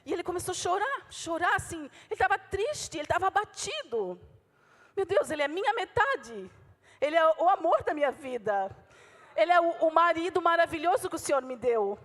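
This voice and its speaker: A Brazilian woman pastor preaching a passionate sermon, swinging from loud calls to soft, quiet asides. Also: very high voice, big pitch swings, a little fast. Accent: Brazilian Portuguese. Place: church hall. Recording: long church hall reverb.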